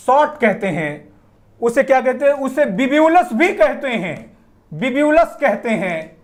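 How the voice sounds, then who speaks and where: A man teaching a live online vocabulary class, mixing Hindi and English and reading out viewers' answers as he goes. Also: very high-pitched.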